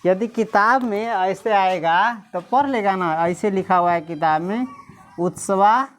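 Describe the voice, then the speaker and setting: A woman teacher, reading Sanskrit slowly syllable by syllable and quizzing the class again and again. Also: medium pitch. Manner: repeatedly quizzes listeners, slow syllable-by-syllable reading.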